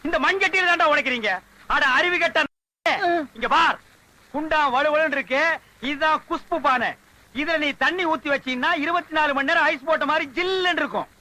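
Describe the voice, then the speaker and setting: A man's voice: very high-pitched, brisk, pushed and bright, dry recording, full character voice, rough recording. A scolding village man. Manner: scolding, boastful. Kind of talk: film dialogue.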